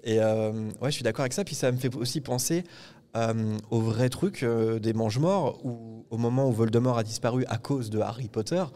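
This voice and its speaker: A man's voice: medium pitch, normal speed, dark tone. Man retelling a book chapter, hesitant. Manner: retells the chapter at length with frequent "euh" hesitations. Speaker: podcast host. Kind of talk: casual book discussion before a live audience. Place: live recording at a public event.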